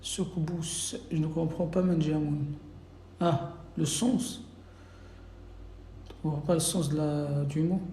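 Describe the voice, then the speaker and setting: A man's voice: a little high, fairly even intonation, slow, long pauses, warm tone. A man teaching a live-stream lesson, patiently reading out viewer names and correcting them one by one. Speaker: Arabic teacher. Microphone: phone. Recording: echoey room, faint background noise.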